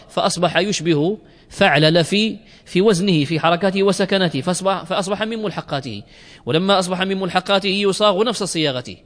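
A man teaching a class, explaining verses line by line, questioning his students and drilling examples. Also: fairly high pitch. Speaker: teacher of Arabic morphology. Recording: long hall reverb.

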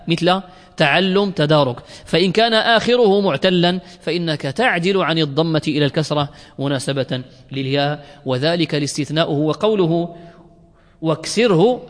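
A man teaching a class, explaining verses line by line, questioning his students and drilling examples. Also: on the high side. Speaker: teacher of Arabic morphology. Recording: long hall reverb.

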